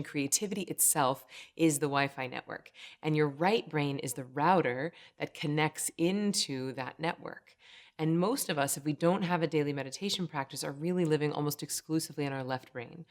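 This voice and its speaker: A woman in her thirties teaching meditation straight to camera, upbeat and conversational, often checking in with "right?". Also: deep voice. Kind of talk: direct-to-camera teaching talk.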